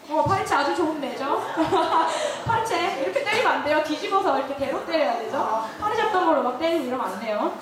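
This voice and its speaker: Recorded on a distant mic in a very reverberant hall, a young woman gives a sermon in a high-pitched, fairly bright voice. She tells a story from her own life, mixing in laughter and questions for those listening.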